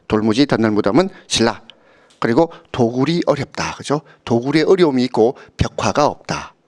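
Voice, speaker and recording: A middle-aged man teaches an exam-prep history class. His voice is mid-pitched and swings up and down with lively intonation as he checks in with the class through quick tag questions and sometimes acts out an anecdote. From Gyeongsang region of Korea. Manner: keeps asking students to confirm with short tag questions; tells anecdotes and acts out quoted speakers. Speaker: history lecturer.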